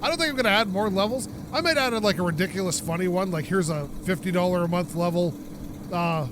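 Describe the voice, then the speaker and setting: With a high-pitched voice and a fast pace, a sniffly North American gaming host chats jokily through a let's-play, drifting into rambling asides. The background is noisy.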